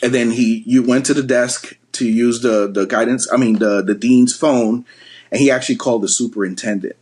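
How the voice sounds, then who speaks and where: A man's voice: mid-range voice, steady tone, moderate pace, darkish tone, slightly rough. A middle-aged man from the Bronx, a podcast guest, telling a story from his youth in a rambling way, with many ums and restarts. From the Bronx, New York. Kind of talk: storytelling in casual conversation.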